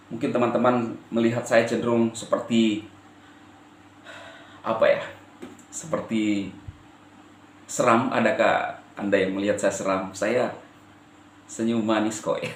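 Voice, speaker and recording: A man's voice: fairly low pitch, reverberant, slight background noise. Earnest man with a firm, stern-sounding delivery. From eastern Indonesia. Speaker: channel host. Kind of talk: direct-to-camera address to viewers.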